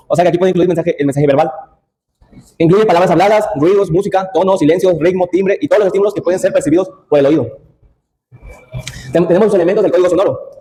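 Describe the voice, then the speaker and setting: A young man presents a topic to his classmates, reading from slides and stumbling into restarts. He talks very fast in a mellow, slightly raised voice. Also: high-pitched, low-quality recording. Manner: reads from slides with restarts and asides. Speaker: student presenter.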